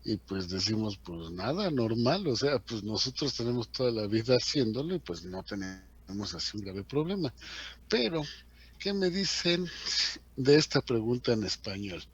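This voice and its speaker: A man's voice: on the low side, animated, moderate pace, slightly rough, muffled recording. A man teaching an English grammar class in a chatty way, asking his students questions as he goes. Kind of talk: classroom lesson explaining grammar.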